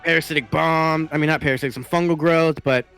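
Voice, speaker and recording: Guy esports caster, casual banter, sharp bright voice kinda high, bit of music under it. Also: fairly even intonation, quick pace, smooth. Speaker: esports commentator.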